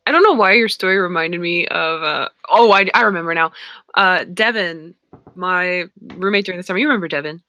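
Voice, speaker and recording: A woman in her twenties co-hosting a casual podcast, chatty and quick to laugh. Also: fairly low pitch, sharp tone, dry recording, highs cut off. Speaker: podcast co-host. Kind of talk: casual chat.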